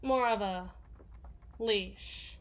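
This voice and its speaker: Here a woman, mid-range in pitch, plays a weary bodyguard with a filthy mouth who opens up to a partner during a close ASMR roleplay. She hesitates often and keeps slipping into whispers, and the feeling is bitter.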